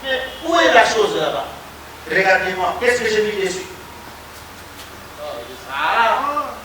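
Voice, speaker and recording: A man's voice: high-pitched, animated, slow. A man from the Democratic Republic of the Congo teaching a Hebrew class at a university, coaxing students with repeated questions and prompts. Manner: repetitive, coaxing, quizzes students. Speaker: Hebrew lecturer. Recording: echoey noisy classroom from far off.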